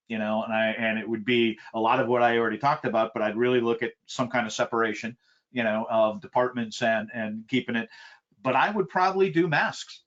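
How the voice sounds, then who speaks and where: A man's voice: mid-range voice, a bit bright, lo-fi sound. A man who has run a coffee roasting business, answering casually and repeating words as he thinks.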